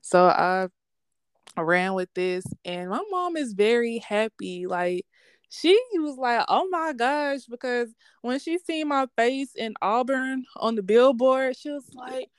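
A young woman talks in a relaxed, slangy and candid way, telling stories with lots of energy. Her voice is smooth and clear. The recording is close and dry. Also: on the high side, slow, no echo. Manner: candid, slangy, animated storytelling. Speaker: sports podcast host being interviewed. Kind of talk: casual interview.

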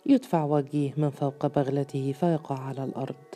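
A man narrating a classic story in a steady, formal storytelling voice. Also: medium pitch, brisk, faint music behind. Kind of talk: scripted audiobook narration.

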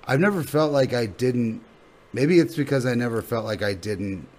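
A man's voice: mid-range voice, animated, moderate pace, darkish tone. A male comedian being interviewed in a casual podcast chat, thinking aloud in rambling, sweary sentences. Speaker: stand-up comedian guest.

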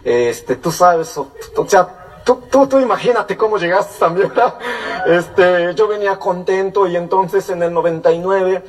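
Husky Mexican man telling his story. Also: fairly high pitch, far from the mic. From Puebla, Mexico. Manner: rambling, many fillers and restarts. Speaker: guest telling his testimony. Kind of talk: casual storytelling.

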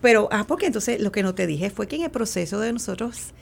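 Creaky-voiced woman telling a family story. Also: mid-range voice, lively intonation, quick pace. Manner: acts out quoted dialogue, many fillers. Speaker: interview guest. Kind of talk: personal storytelling in conversation.

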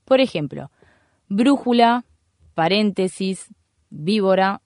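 A woman's voice: medium pitch, a little mellow, dry recording. Patient woman explaining grammar, dry sound. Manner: patient, teacherly, repeats examples slowly. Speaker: radio host. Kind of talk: explaining grammar on a radio show.

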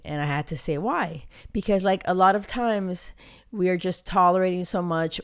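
A woman hosts a casual solo love-coaching podcast, speaking emphatically with lots of fillers and getting riled up, her voice returning after a cold. Her tone is fairly low, darkish and smooth.

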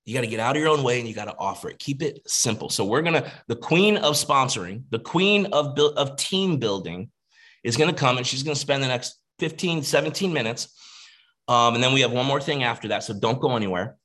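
A man coaching his team in an energetic, casual motivational training over a video call. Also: mid-range voice, a little fast. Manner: energetic, emphatic, casual, repeats "you gotta".

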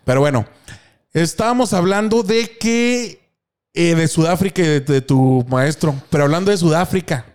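A man's voice: a little high, lively intonation, normal speed, a little mellow, clean tone. A man with a Mexican Spanish accent, co-hosting a casual chat podcast, swearing freely, laughing often and acting out film lines. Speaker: podcast co-host.

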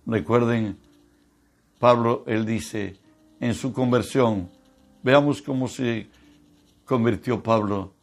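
A man preaching a sermon, reading scripture slowly with measured pauses. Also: medium pitch, vocal fry, faint music behind.

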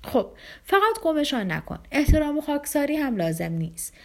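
A woman voicing an imperious, blunt older noblewoman in an audiobook, speaking in a sharp, commanding way. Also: high-pitched, big pitch swings, voice pushed up.

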